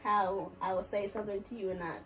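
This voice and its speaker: A woman's voice: medium pitch, steady tone, brisk, a bit bright, faint music behind, low-quality recording. A young woman in her early twenties, talking candidly and with giggles to the camera at home in a casual vlog. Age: early 20s. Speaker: vlogger.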